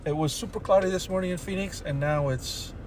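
A man co-hosts a podcast, chatting casually and joking in a loose, rambling way. His voice sits high and moves fairly quickly, with background noise in the recording.

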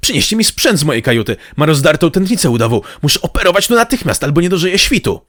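A man voicing a frantic male ship's medic shouting urgent orders. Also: a little high, sing-song, fast talker, voice pushed up.

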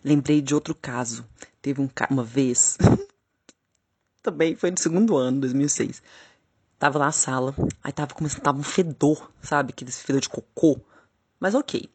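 A woman, hosting a podcast and telling funny stories in a lively, laughing way. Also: normal speed, breathy edge. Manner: animated, laughing, acts out quotes in high squeals. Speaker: podcast host. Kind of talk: casual storytelling.

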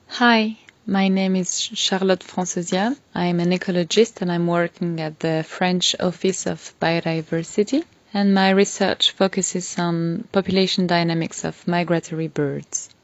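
A woman introducing her work in a measured way as a panel guest. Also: fairly low pitch, steady tone, no echo, lo-fi sound. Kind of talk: self-introduction.

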